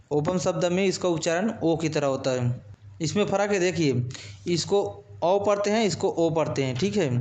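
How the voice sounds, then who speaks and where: A male English teacher, patiently explaining letter sounds and repeating example words slowly. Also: on the high side, darkish tone, roomy sound. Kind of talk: alphabet pronunciation lesson.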